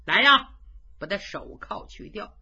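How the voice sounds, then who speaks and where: A woman storyteller voicing a gentle, conciliatory young male prince who speaks softly and measured, on a dull lo-fi recording. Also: mid-range voice, lively intonation, breathy edge, exaggerated voice. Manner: soft, soothing and measured. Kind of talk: traditional storytelling.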